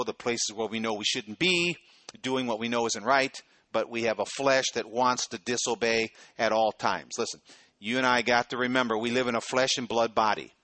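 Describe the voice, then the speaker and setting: A middle-aged pastor preaches a sermon conversationally, often checking in with listeners by asking "okay?" His voice is medium-pitched with a sharp tone, and there's no room sound.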